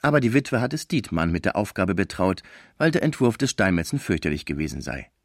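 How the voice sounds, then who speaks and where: A man reading a classic novel aloud as scripted narration in an expressive storytelling manner. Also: deep voice, brisk, no echo, studio quality. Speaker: audiobook reader.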